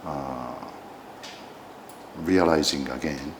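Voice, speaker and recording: A man from Japan with a Japanese accent, answering formally as an ambassador in an interview, with halting, hesitant phrasing. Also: rumbling low, noisy background.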